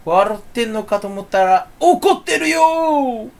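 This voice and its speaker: The host of a solo talk channel rambles to himself in a monologue, mocking himself and lurching between loud outbursts and quiet mutters. He sounds expressive and takes his time.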